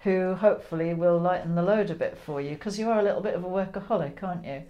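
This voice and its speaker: A woman hosting a casual interview, chatty and gently teasing her guest. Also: on the low side, fast, lo-fi sound. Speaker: interviewer, host.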